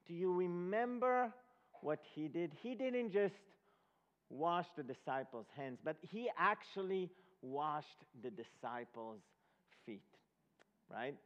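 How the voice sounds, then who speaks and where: This Israeli man's voice is slightly high, lively, and a touch bright. As guest preacher at a Passover presentation, he gives a ceremonial sermon in a halting way, pausing to ask the congregation check questions, in a big reverberant hall recorded with dull lo-fi sound.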